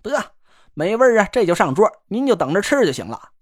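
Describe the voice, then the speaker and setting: A man's voice: sits high, very animated, a little fast, dry recording, studio quality. A man voicing a cocky, joking young man who teases his friend while cooking. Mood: teasing. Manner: teasing, boastful, chatty slang. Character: cocky joking young male camp cook. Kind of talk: audiobook character voice.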